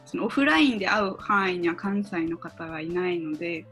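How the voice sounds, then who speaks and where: A woman's voice: lowish voice, lively intonation, fairly quick, fairly bright tone, soft background music. Polite, giggly woman on a podcast. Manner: polite, giggly, laughs often. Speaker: podcast member. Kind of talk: casual chat.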